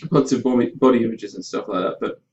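A man with a medium-pitched voice talks fast against a noisy background while co-hosting a podcast, casually chatting about films and ranting his opinions, swearing freely and mimicking others in mock quotes. He's picked up by a webcam about five feet away, so the sound is dull and distant.

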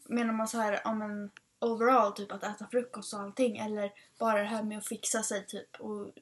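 A young woman chatting casually with a friend, talking fast with lots of fillers and quick laughs. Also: mid-range voice, little pitch movement. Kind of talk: casual chat.

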